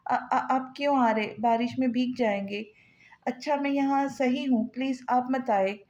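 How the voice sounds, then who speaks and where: A woman's voice: fairly high pitch, little pitch movement, moderate pace, dark tone, muffled recording, close to an everyday voice. A woman voicing a frightened, tearful young wife who pleads and stammers, read in her own voice from a novel. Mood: pleading.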